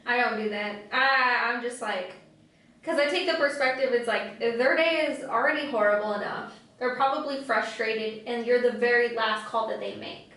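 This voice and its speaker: High-voiced chatty woman, echoey room. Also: moderate pace, fairly bright tone. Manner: chatty, rambling, many "like" fillers. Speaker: podcast co-host. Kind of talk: casual chat. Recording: very echoey room, mic far off.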